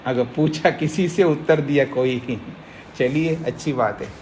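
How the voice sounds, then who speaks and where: A man's voice: mid-range voice, a little mellow, slight background noise. A man teaching a philosophy class, explaining step by step and often asking the listeners if they follow. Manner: explains slowly, keeps checking the listeners follow. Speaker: teacher of Nyaya philosophy, swami. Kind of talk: Hindi scripture lecture to a class.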